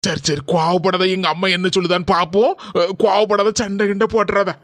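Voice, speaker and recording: A man's voice: sits high, level tone, a little fast, fairly bright tone, dry recording, studio quality. A man voicing a coaxing, easily led cartoon husband. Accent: Kanyakumari Tamil.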